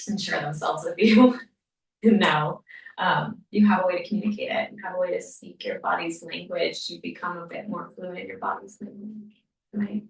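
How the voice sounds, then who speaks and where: A woman leading a somatic wellness workshop for a live group, speaking gently and often dropping to a near-whisper. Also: on the low side, gravelly. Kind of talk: workshop teaching and Q&A. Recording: echoey room, mic far off.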